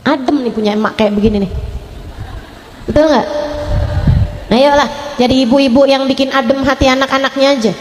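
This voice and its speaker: A woman preacher delivers a sermon in a high, bright-pitched voice, speaking straight to the mothers with frank, teasing remarks. The sound comes from a roomy lecture hall with a long, lingering reverb. A faint noise sits underneath. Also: steady tone, fairly quick, pauses often. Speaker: Islamic preacher. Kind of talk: sermon to women.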